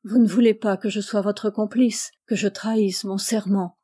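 A woman's voice: mid-range voice, fairly even intonation, moderate pace, warm tone, slightly rough, natural voice. Outougamise, a woman reading an anguished young warrior. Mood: grieving. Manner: grieving, pleading. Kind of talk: audiobook reading.

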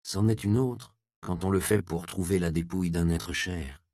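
A man reading a dark story aloud as scripted narration, grave and measured. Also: sits low, creaky, dry recording, studio quality.

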